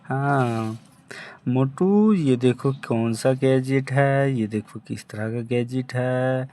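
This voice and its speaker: A man's voice: medium pitch, slow, mellow, close to an everyday voice. A man voicing a thin, sensible, worried adult cartoon sidekick in an amateur cartoon dub, repeating his warnings.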